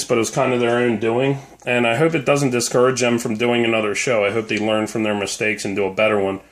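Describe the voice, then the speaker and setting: Hungover guy doing a casual vlog, kinda ornery, mid-pitched voice, storytelling style. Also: fairly bright tone. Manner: conversational storytelling, acting out quoted dialogue. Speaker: vlogger, comic collector. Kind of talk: casual monologue to camera showing comic haul.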